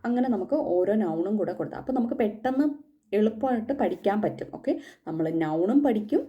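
A woman's voice: mid-range voice, animated, quick pace, muffled recording. A woman from Kerala teaching the German alphabet in a casual spoken lesson, patiently repeating each letter.

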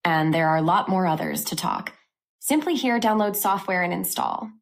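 Upbeat woman reviewing software. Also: fairly low pitch, lively intonation, moderate pace, vocal fry. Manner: upbeat, walks through menus step by step. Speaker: tech channel host.

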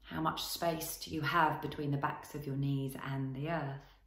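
A relaxation teacher guides a body scan, giving gentle instructions in short phrases separated by long pauses. Her voice is deep with fairly even intonation, and the sound is reverberant.

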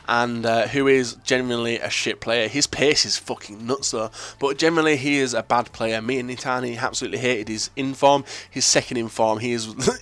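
A man's voice: mid-range voice, a bit bright, no echo. A young man with a Northern English accent giving casual gameplay commentary, full of crude, profane jokes. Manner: crude, joking, profane banter. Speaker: gaming YouTuber.

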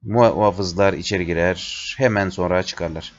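Man reading a play aloud, measured, stage directions, very low voice, dull lo-fi sound. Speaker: reader. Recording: dull lo-fi recording.

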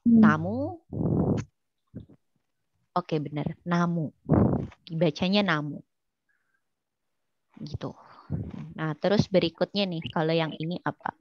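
A woman's voice: low-pitched, steady tone, measured pace, long pauses, no echo, muffled recording. A woman teaching an online language lesson, quizzing her students in a chatty way with many fillers.

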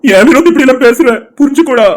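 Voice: sits high, animated, rapid-fire. A voice artist voicing a worried, protective male friend in a cartoon drama, anxious and urging. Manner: anxious, scolding then soothing.

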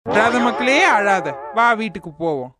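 A performer voicing a patient, soft-hearted village husband in a cartoon, with a Kanyakumari Tamil accent, speaking in a placating, gentle way. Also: mid-range voice, lively intonation, moderate pace, heavy background noise, close to an everyday voice.

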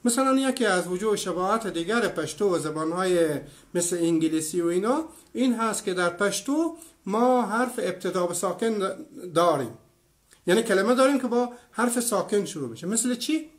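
A man in his fifties from Iran gives an online lecture. He explains at an even pace, offers many examples, and stops to answer comments from viewers. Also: sits high. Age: 50s. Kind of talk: online lecture with live chat.

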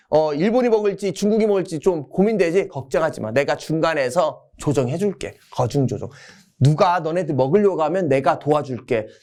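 A man voicing an overly chummy, flattering American envoy who calls everyone friend. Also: fairly high pitch, natural voice. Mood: coaxing.

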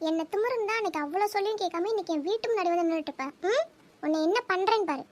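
Cartoon role: a very high-pitched young woman, sarcastic and sharp-tongued. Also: very fast. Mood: angry. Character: outspoken young woman in a quarrel. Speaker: cartoon character. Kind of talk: cartoon voice acting.

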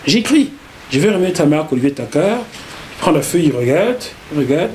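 A middle-aged man with a Cameroonian French accent, a journalist recounting his career as an interview guest, animated and repeating words as he goes. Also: on the high side, moderate pace, a little hiss or hum. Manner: animated, repeats words while telling a story. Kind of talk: casual interview storytelling.

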